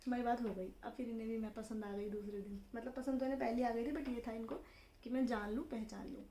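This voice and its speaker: A young woman casually telling the story of how she met her husband, in a lively conversational way. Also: on the high side, fast. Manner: chatty, animated, acts out dialogue in quotes. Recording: roomy echo with faint background noise.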